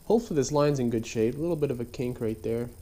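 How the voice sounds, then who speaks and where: A fast-talking man with a warm, medium-pitched voice, congested and slightly nasal, walks through his car build while working in a garage. The narration is casual how-to talk, easygoing and rambling with heavy filler, recorded by a head-mounted action camera mic.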